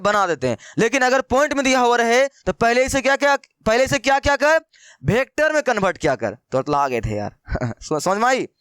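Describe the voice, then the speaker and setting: High-voiced, chatty male maths teacher. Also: fairly bright tone, smooth, no echo, studio quality. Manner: chatty, repeats questions to students, calls them brother. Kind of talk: casual Hindi maths lesson.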